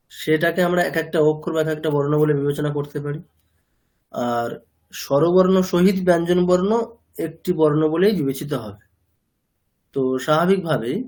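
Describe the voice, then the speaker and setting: Slightly high-voiced man teaching a class. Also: a little mellow. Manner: patient, explanatory, quizzes students with questions; mixes English words into his talk. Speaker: language teacher. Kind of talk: classroom lecture.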